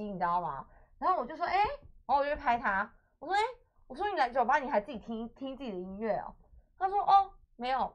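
Young taiwanese lady hosting radio, tells stories and acts out the dialogue, voice kinda high and swings all over. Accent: Taiwanese Mandarin. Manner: animated storyteller, acts out dialogue, laughs often. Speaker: radio host. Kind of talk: casual radio chat, telling anecdotes. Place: radio studio.

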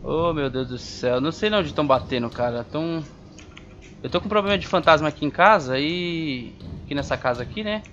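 A man's voice: fairly high pitch, animated, a little fast, fairly bright tone. A man giving casual, jumpy let's-play commentary on a horror game, talking back to the game in slang. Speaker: gamer playing a horror game. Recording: slightly dull home recording with faint noise.

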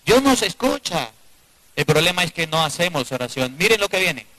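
Male priest, sermon to a live congregation; bright, forceful tone, drops to a hush between emphatic questions. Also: on the high side, big pitch swings, normal speed, low-quality recording. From Venezuela. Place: church before a live congregation.

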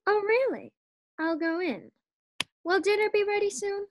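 A woman's voice: extremely high pitch, a little slow, a little hiss or hum. A woman playing a sassy, playful, easily exasperated wife in an old-time radio sitcom style. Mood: brisk.

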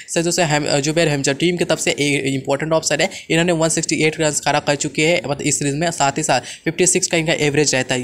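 A young man presenting fantasy cricket picks as the channel's host, rattling off confident, casual commentary to his viewers. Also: fairly high pitch. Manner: rapid, confident, addresses viewers as friends.

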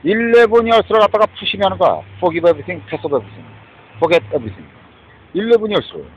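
A ranting Korean man with a raised, husky voice that swings wildly up and down. He curses, jabs with "eh?" and mixes two languages. The dull, lo-fi recording flattens the sound. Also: sits high, moderate pace. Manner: cursing, mixing Korean and English, constant "eh?" tags. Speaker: street preacher-style ranter. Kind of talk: angry rambling rant.

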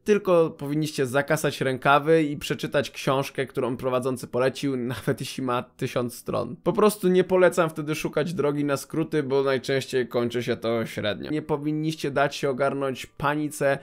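A man's voice: mid-range voice, moderate pace, few pauses. A man in his twenties giving scripted, direct and wry advice to future university students in a vlog. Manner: direct, wry, addresses viewers as a group. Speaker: YouTuber giving study advice.

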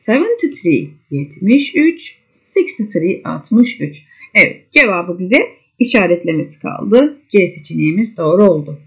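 A woman teacher working through a worksheet with children, step by step. She reads English words with a high lift, then gives their meaning, and keeps checking back with her pupils. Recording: dull lo-fi sound.

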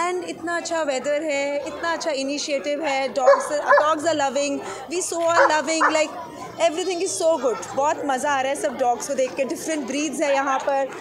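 Cheery high-voiced woman chatting about her dog, busy mall crowd all around. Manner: cheerful, mixes Hindi and English. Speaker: pet owner at event. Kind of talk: street interview. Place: busy mall concourse outdoors. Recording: loud crowd chatter behind.

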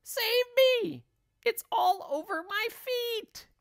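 A man's voice: very high voice, wildly swooping pitch, slow, vocal fry, pushed and bright, no echo, studio quality, pitched above the performer's own voice, exaggerated voice. A man doing a shrieking, cackling old hag. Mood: panicked shrieking. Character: nasty shrieking old woman, spiteful wife.

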